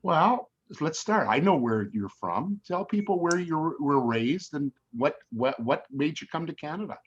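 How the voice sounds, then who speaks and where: A man's voice: a little high, animated, measured pace, husky. An older man hosting an interview, who often stumbles and repeats words while starting his questions. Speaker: interview host. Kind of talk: casual interview. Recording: slightly dull lo-fi sound.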